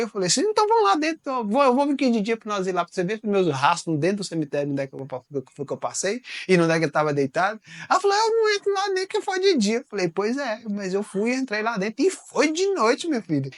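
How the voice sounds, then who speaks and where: A man with a Brazilian accent casually telling a comic story, rambling and halting, with many restarts and repeated words. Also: high voice.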